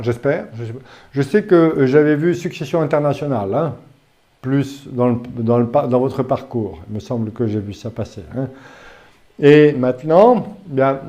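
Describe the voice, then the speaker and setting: A man giving a lively law lecture in a recording studio, joking and asking his students questions as he goes. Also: medium pitch.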